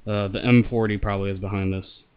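A man with a fairly low, very clear voice walks through a piece of gear in a casual review style. The sound is slightly dull and lo-fi. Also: fairly even intonation, quick pace. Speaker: gas mask reviewer. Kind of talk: casual hands-on product demonstration.

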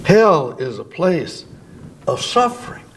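A man's voice: on the high side, very animated, slow pace, a little hiss or hum. An older man, a pastor, preaching a sermon at a church podium microphone, drawing out words for emphasis. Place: church sanctuary before a bank of flowers.

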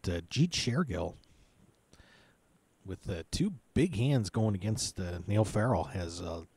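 A man with a fairly low voice gives live commentary on a poker tournament. He talks in a loose, chatty way, filling pauses as he reads out hands and chip counts. The sound is dry and close, with little room echo. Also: a little mellow. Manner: chatty, loose play-by-play with filler words.

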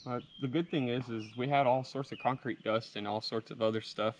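A man's voice: medium pitch, fairly even intonation, fairly quick, slight background noise. A man in his thirties co-hosting a casual outdoor vlog, enthusiastic and easygoing, filmed on a handheld camera. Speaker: vlog co-host. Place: outdoors at a rural building site.

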